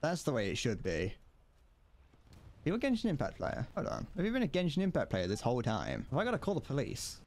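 A man's voice: medium pitch, huge pitch swings, fast talker, a little mellow. A young man from the UK who streams games and makes casual, rambling, profane jokes as he plays. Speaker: gaming streamer. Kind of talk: casual commentary while gaming.

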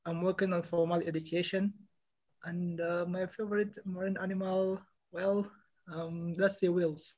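A woman from Turkey introducing herself in a flat, hesitant way on a video call. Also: on the low side, moderate pace. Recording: distant, muffled video call audio.

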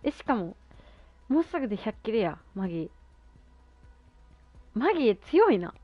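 High-voiced woman streamer with gushing youthful slang. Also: sing-song, moderate pace, dry recording, lo-fi sound. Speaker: game streamer. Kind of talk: excited casual live-stream chat while gaming.

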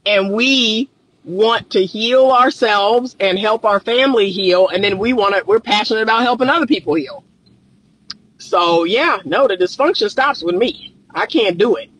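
A woman's voice: mid-range voice, fairly bright tone, poor audio. A woman in her fifties, a relationship coach and counselor, giving an emphatic vlog talk from her car and repeating phrases for stress. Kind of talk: casual talking-head vlog. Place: inside a parked car. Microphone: phone camera on the dashboard.

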